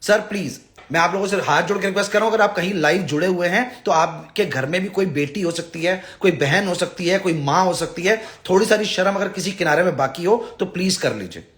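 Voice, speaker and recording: Exasperated and blunt, a man who works as a visa advisor and live-stream host lectures and begs his followers, repeating himself emphatically. His voice sits high, with a brisk pace and a slightly bright quality.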